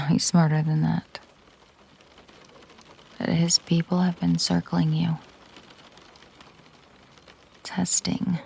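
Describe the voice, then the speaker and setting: A woman with a slow, husky, lowish voice performs an intimate audio roleplay monologue in full character as a possessive, menacing mafia boss girlfriend who is controlled and protective. She sounds probing and controlled, speaking deliberately and hushed, often in a breathy near-whisper.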